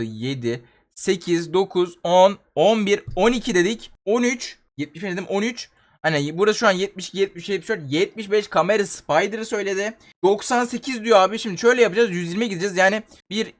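A young man giving excited gameplay commentary, chatty and often exasperated, talking straight to his viewers on a desk mic. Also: on the high side. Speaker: gaming YouTuber.

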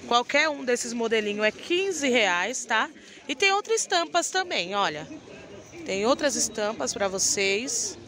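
At a busy outdoor night market, a woman with a Brazilian Portuguese accent hosts a shopping vlog, praising the clothes in enthusiastic sales patter. Her fairly high voice is sing-song and unhurried. Crowd, street, and traffic noise fill the background.

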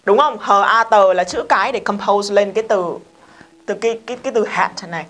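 A woman's voice: medium pitch, a little fast, a bit bright. A woman, teaching an English lesson in a casual, emphatic way and often asking her students questions. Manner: chatty, emphatic, talks straight to students with questions.

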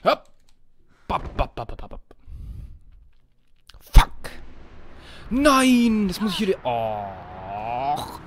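A man's voice: medium pitch, sing-song, takes it slowly, pauses often, a little hiss or hum. Yelping, swearing gamer guy. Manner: yelps, swears and shouts orders at the game character. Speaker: let's play host. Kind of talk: excited gameplay commentary.

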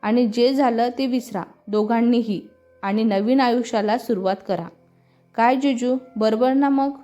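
Woman reading as a gentle teasing elder brother. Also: a little high, unhurried, close to an everyday voice. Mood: tender. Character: young man, protective teasing elder brother. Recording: slightly muffled with soft music.

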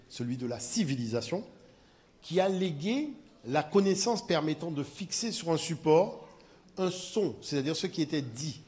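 A man gives a conference talk, pressing his points with emphatic repetition and frequent checks that his audience is following. His voice sits fairly high for a man. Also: darkish tone. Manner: emphatic, repeats "voyez" to engage listeners. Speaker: speaker at a conference. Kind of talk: lecture with audience discussion.

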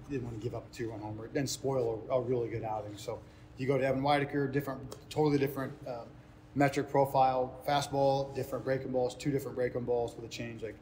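Captured in poor audio with ambient noise behind him, a head baseball coach in his thirties speaks in a medium-pitched, slightly mellow voice. His unscripted press interview answers are earnest and explanatory, and he repeats phrases for emphasis.

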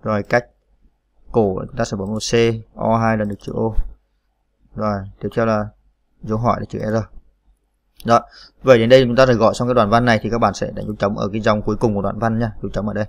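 Low, gravelly man spelling out keystrokes. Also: flat delivery, fast, pauses often, dry recording. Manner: spells out keys letter by letter, many "à" fillers. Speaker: computer tutorial host. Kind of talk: screen-recorded typing tutorial.

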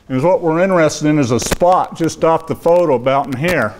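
Here a guest speaker, an older man of medium pitch, rambles through an informal library lecture to people in their seats, stumbling over fillers and restarting sentences. He says he has a loud voice and moves about the room wearing a lapel mic. Slight background noise can be heard.

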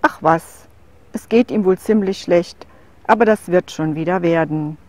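A woman's voice: lowish voice, measured pace, a little mellow, lightly acted. A woman voicing a huge young male wolf in a storybook tale, blunt and scornful, talking with a growl. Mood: gruff.

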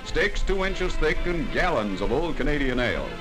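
A man narrates an old wartime newsreel in a jaunty, punchy manner, tossing in wisecracks. His pitch sits a little high and swings widely. Music plays clearly behind him. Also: big pitch swings, moderate pace. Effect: old newsreel voice-over.

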